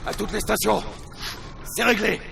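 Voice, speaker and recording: A man voicing a commanding, calm military captain in a game, gravelly, giving curt authoritative orders. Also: high-pitched, a little slow, heavily acted. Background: music.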